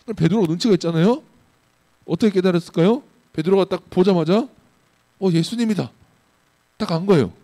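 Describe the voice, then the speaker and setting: A man giving a children's sermon in church, telling a Bible story in an animated way and asking the children questions. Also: high-pitched, fast talker. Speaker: children's pastor.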